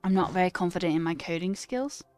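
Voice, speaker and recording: This live coding streamer is a young woman who talks fast in a fairly low, darkish voice, recorded without echo. She fakes a British accent as she chats casually with her stream, reading out comments with theatrical self-mockery over background music.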